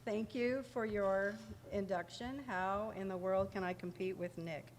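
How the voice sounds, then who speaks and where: A woman's voice: mid-range voice, steady tone, unhurried. Woman, teary acceptance speech, podium mic, long hall reverb, faint room noise. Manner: emotional, teary, jokes with the audience. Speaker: hall of fame inductee. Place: large banquet hall.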